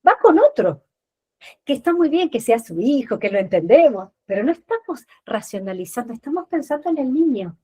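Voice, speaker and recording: Woman, therapist guest, lively swooping pitch, slightly husky voice, acts out examples. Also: brisk, hardly any pauses. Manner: expressive, acts out little scenes and rhetorical questions. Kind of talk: explanatory interview talk.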